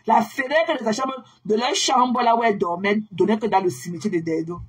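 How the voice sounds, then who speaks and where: A brisk, slightly rough, fairly high voice belongs to an online commentator ranting at her rival. She's scornful and mocking, says her insults again and again, and draws out words with a sneer.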